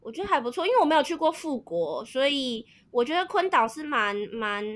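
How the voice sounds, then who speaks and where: Bright, high-pitched chatty woman. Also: brisk. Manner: lively, laughs often, rambling explanations. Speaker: podcast co-host. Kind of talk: casual chat.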